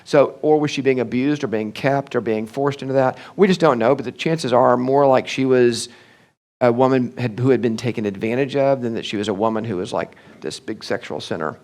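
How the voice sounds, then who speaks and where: A middle-aged man, a senior pastor giving an animated, conversational church talk that often slips into acted-out quoted voices. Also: medium pitch, fairly quick. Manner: animated, acts out quoted voices, many restarts and fillers.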